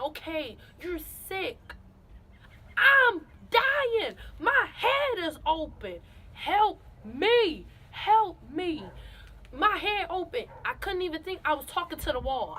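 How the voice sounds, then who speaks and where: A young woman in her late teens telling a casual storytime to her camera, animated and repeating phrases for emphasis. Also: fairly high pitch, a little hiss or hum, low-quality recording. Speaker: vlogger.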